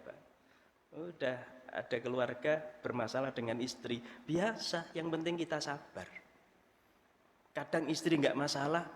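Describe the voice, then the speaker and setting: A middle-aged man with an East Javanese accent preaches a dawn sermon in a folksy, lively way. His voice sits fairly high for a man, and he jokes with his listeners. The sound carries a long reverb from the mosque hall. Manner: folksy and animated, slipping into Javanese with jokes and laughter.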